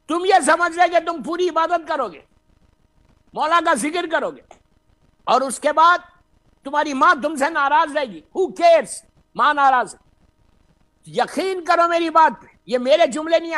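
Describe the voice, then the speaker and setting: High, bright-voiced impassioned man preaching. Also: lively intonation, pauses often. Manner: impassioned preaching, mixing English phrases, bursts of shouting. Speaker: Shia cleric giving a majlis sermon. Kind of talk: sermon.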